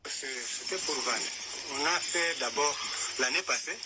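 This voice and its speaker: Male cattle herder, field interview, halting speech, loud outdoor noise. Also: mid-range voice. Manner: hesitant, repeating words.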